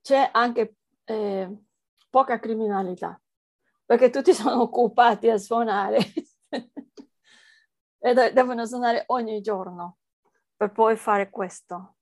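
A woman's voice: a little high, takes it slowly, long pauses, darkish tone, dry recording. A woman researcher with a foreign accent, answering interview questions hesitantly as she searches for words in a language that is not her first. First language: not Italian, speaks it as a foreign language.

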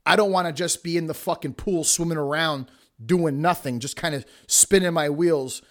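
A man hosting a show, delivering a forceful, emphatic motivational monologue straight at the listener in blunt, sweary tough-love language. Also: a little high, normal speed. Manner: preachy, addresses listeners directly. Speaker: podcast host.

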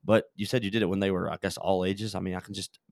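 A man hosting a podcast, asking questions in a halting way with many restarts. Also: low voice, fairly even intonation, gravelly, dry recording, studio quality. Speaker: podcast host. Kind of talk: casual interview chat.

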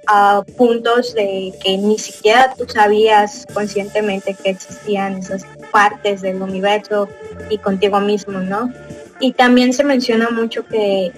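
A woman's voice: medium pitch, fairly even intonation, slow, soft background music, low-quality recording. A young woman with a Mexican accent chatting casually as a podcast host, rambling with lots of fillers and little chuckles. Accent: Mexican Spanish. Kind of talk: casual chat.

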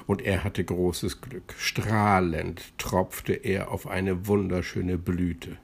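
Calm male bedtime reader, low and husky, slow and gentle. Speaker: storyteller. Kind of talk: bedtime story reading.

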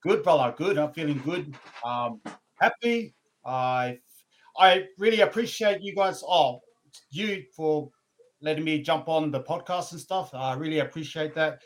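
A Brisbane man, born in New Zealand, chats informally as a podcast guest in a casual interview, using brotherly slang and "eh" tags. His voice is fairly high with lively intonation and a measured pace.

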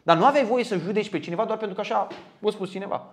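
A man preaching a sermon, emphatic, asking rhetorical questions and acting out the people he quotes. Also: sits high.

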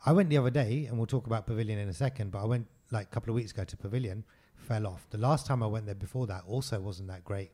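A man with a fairly low voice chats casually as a podcast co-host. His delivery is informal and emphatic, sprinkled with slangy turns of phrase. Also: quick pace, hardly any pauses, dark tone. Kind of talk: casual chat.

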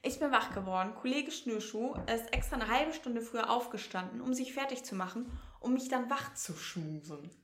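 A young woman with a fairly high voice talks at normal speed, barely pausing, as she co-hosts a podcast. The chat is casual and full of animated storytelling in which she acts out quoted dialogue, and the recording has a roomy echo.

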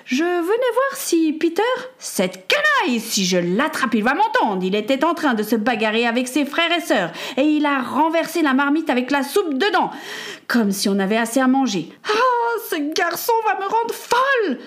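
A woman reading a storybook voices a loud, scolding mother of many children, pitching her voice very high and yelling. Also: big pitch swings, a little slow, full character voice. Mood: furious yelling.

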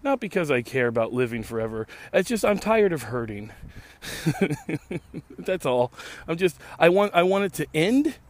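A podcast host in his late thirties talks at medium pitch, hoarse and losing his voice. Out in a park for a casual solo monologue, he rambles with sardonic humor and swears freely.

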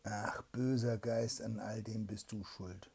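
A woman's voice: rumbling low, fairly even intonation, takes it slowly, vocal fry, warm tone, slight background noise, full character voice. A woman voicing a hungry runaway soldier in a bedtime fairy tale, lamenting in her own plain reading voice.

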